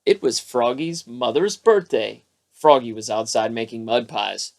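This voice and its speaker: Expressive bedtime storyteller, medium pitch. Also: unhurried. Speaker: storybook narrator, host. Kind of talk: scripted bedtime story read-aloud.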